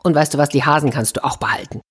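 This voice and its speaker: A blustering old fairy-tale king barks orders and exclaims in a low, husky voice, played by a woman reading the tale aloud. He sounds theatrical and bossy. The tone is pitched for children listening to a story. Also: fairly even intonation, racing. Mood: grudging.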